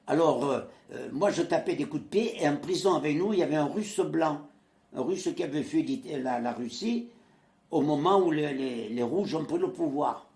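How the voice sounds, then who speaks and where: A man's voice: fairly high pitch, moderate pace, gravelly, roomy sound. A man in his nineties, originally from Marseille, telling his wartime memories in conversation and acting out the voices of people he quotes, with frequent hesitations. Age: 90s. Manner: lively storyteller who acts out quoted voices, with frequent hesitations. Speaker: interviewee, former resistance fighter.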